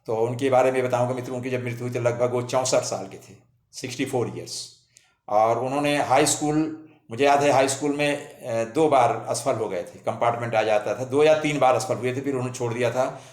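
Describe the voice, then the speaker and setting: A man's voice: mid-range voice, steady tone, fairly quick, a little mellow. A man in his seventies telling stories from his own life to his viewers in a homely way, often calling them his friends. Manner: homely, addresses listeners as friends. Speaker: memoir storyteller. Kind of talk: autobiographical storytelling to viewers. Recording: roomy echo.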